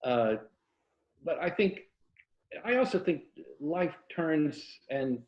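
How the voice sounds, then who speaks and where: Speaking slowly in a slightly high, sing-song voice, this older man from Tampa, Florida, shares casual stories as a guest in an interview. He has an American accent and is a writer and former journalist. He joins by video call from an indoor room, and the audio is roomy and dull.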